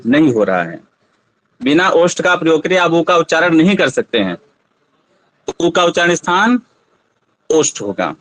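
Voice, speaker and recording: A man's voice: a little high, sing-song, normal speed, long pauses, fairly bright tone, dry recording, low-quality recording. A man teaching a Sanskrit pronunciation lesson, patiently asking students to try each sound aloud.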